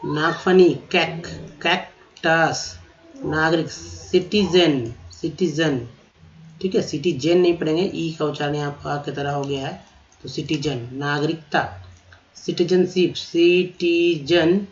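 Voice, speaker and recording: A man teaching English vocabulary, saying each word, spelling it out and repeating it slowly. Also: a little high, fairly even intonation, highs cut off. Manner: slow, drawn-out repetition of each word. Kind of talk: spelling and pronunciation lesson.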